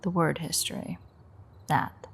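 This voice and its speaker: A voice actress voices a predatory vampire woman in an intimate audio roleplay, her husky, breathy voice low, slow and creaking gravelly at its base. Steady and exaggerated, she teases and explains in a wry, foul-mouthed manner with a dark edge.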